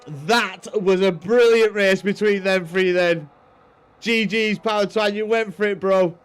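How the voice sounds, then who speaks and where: Clear-voiced British man commentating, fairly high-pitched. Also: measured pace. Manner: excited, emphatic calling of race action, laddish. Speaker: esports race commentator and stream host. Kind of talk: live racing game commentary and casual stream chat. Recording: music behind the voice. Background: music.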